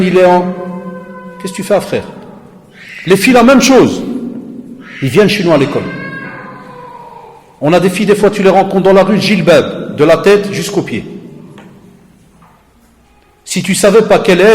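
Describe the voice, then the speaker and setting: Un prédicateur à l'belge, animé et familier, qui joue des dialogues en prêchant. Sa voix est assez aiguë pour un homme. Une longue réverbération de grande salle la prolonge. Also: male voice, sits high, big-room sound, slight background noise. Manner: animated, conversational, dialogue-acting. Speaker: preacher, lecturer. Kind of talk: lively sermon with storytelling.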